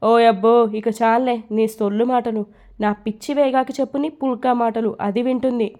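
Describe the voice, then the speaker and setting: A mocking, stern male police officer interrogates with scoffing taunts, as a woman reads him out. The voice sits a touch high and mellow, in a plain storybook reading. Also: fairly even intonation, normal speed, close to an everyday voice.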